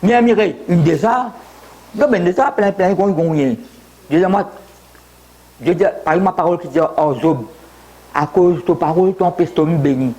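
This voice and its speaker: A man's voice: high-pitched, normal speed, pauses often, darkish tone. A man in his seventies, a pastor from Mauritius, preaching a sermon with many repetitions and asides. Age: 70s. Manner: preaching with repetitions, switching briefly into English.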